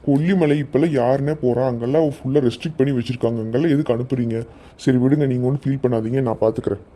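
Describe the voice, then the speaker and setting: A man's voice: medium pitch, steady tone, racing, warm tone, lightly acted. Reassuring cartoon policeman, voiced by a man. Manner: reassuring, takes charge. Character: calm helpful police uncle, young man.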